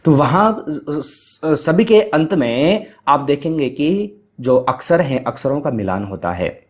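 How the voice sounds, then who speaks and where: A man's voice: a little high, animated, slow. A man giving a lecture, explaining step by step, asking rhetorical questions and answering them himself, with frequent filler sounds. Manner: chants Sanskrit verse at varying speed. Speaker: teacher. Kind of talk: Hindi grammar lecture.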